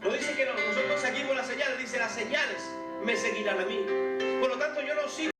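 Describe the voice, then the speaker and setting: A pastor preaches a fervent sermon in a large church hall, urging the congregation to have faith. His voice is very high-pitched and brisk. The recording carries an echoey hall sound, a distant mic, and music in the background.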